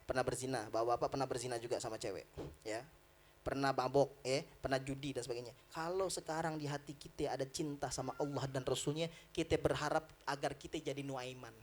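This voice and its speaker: A male preacher, telling stories in a lively, joking sermon at a prayer room celebration. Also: mid-range voice, fairly quick, slight background noise. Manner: lively storytelling with jokes and acted-out voices.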